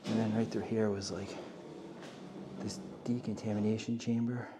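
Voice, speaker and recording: A man with a low, fairly monotone voice walks through an abandoned hospital and narrates what he finds. He talks casually and hesitantly, with plenty of ums and likes. The handheld recording carries a steady hiss of noise. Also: moderate pace. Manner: casual, hesitant, pointing things out with fillers. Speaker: urban explorer vlogger. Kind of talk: walkthrough narration.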